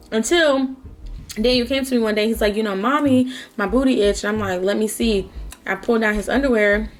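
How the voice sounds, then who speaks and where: A young adult woman talking casually to camera as a vlogger, sharing personal advice. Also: mid-range voice. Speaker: mukbang vlogger.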